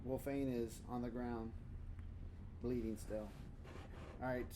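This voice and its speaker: A man's voice: mid-range voice, level tone, takes it slowly. A man speaking as dungeon master, explaining and narrating a tabletop game in an informal, casual way. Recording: faint background noise.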